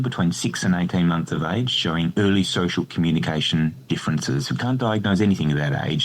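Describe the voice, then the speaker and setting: An Australian man being interviewed on a podcast, explaining his work with enthusiasm and self-deprecating humour. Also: low-pitched. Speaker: guest researcher.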